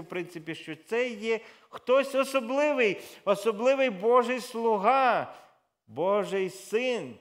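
Preacher, male, fairly high voice, relaxed sermon delivery with "uh" fillers, lifts his voice for scripture readings. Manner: conversational preaching with fillers and self-corrections; reads scripture aloud with raised emphasis. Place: church.

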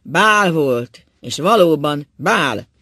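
A man voicing a drunk old husband who rails loudly and wails through dry sobs. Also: medium pitch, completely flat delivery, dry recording, lightly acted. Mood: mocking. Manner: loud, mocking, then wailing. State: drunk and sobbing.

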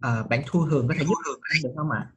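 A man's voice: a little high, fast, a little hiss or hum. A middle-aged man teaching an online English class, patiently checking with students by asking short questions, speaking.

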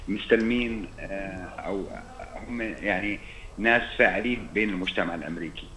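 A man from Jordan, calling in to a TV show over a poor-quality, unclear line. He talks politely and warmly, trading greetings and often restarting his sentences. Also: low-pitched, fairly quick. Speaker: phone-in caller. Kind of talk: call-in chat on a TV show. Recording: echoey phone line with faint hum.

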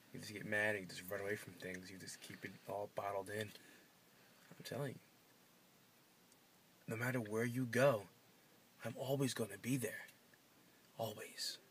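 An actor playing a man's own dark inner self, coaxing and insistent, sometimes sinking to a murmur. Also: lowish voice, slightly rough. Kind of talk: short film drama.

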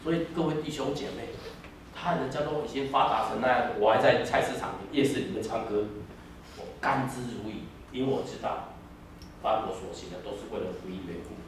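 A man in his fifties from Taiwan with a Taiwanese Mandarin accent, preaching an animated sermon and telling stories that slip into Taiwanese. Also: medium pitch, a little fast, slight background noise. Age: 50s. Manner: animated, switches into Taiwanese, sings snatches. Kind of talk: sermon with storytelling and singing. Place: church hall. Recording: echoey hall, mic from a distance.

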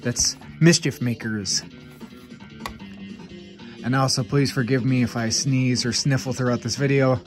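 Music plays behind a gaming channel host as he casually suggests games to his camera, shelves of games around him indoors. His mid-range voice holds a steady tone despite sounding slightly stuffed up, and he stays cheerful and talkative with quick side comments.

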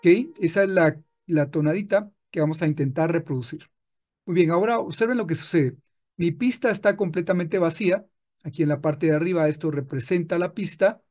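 This music software tutorial, captured as a screen recording, features a patient man explaining each step and frequently starting over. He speaks a little fast, with a fairly high pitch.

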